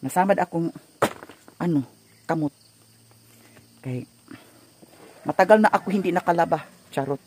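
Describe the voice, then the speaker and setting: A vlogger with a Cebuano accent chatting casually and jokingly while doing laundry, a little hoarse. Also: mid-range voice, moderate pace, long pauses, noisy background. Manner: joking, teasing, breaks into song.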